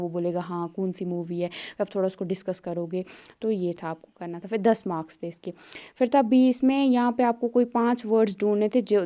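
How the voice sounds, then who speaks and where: A woman teacher walking through an exam paper step by step, reading English questions slowly with an Indian English accent. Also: medium pitch, dark tone. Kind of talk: exam paper walkthrough lesson.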